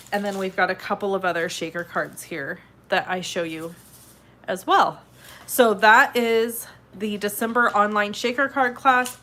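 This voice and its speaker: A woman with a stuffed-up head cold runs a live card-making tutorial, chatting in an upbeat, casual way while sniffling and clearing her throat now and then. Her voice is medium-pitched and a bit bright.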